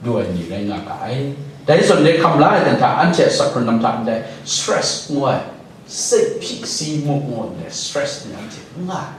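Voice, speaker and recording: A male pastor preaching a sermon, dropping English words into his speech now and then. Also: medium pitch. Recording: very echoey hall, distant mic, faint noise.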